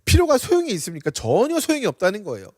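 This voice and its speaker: Young male preacher, earnest question-and-answer delivery, high animated pitch, dry recording. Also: rapid-fire, no echo, in a large hall. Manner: earnest, asks the congregation questions and answers them. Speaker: pastor. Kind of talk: sermon. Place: church sanctuary.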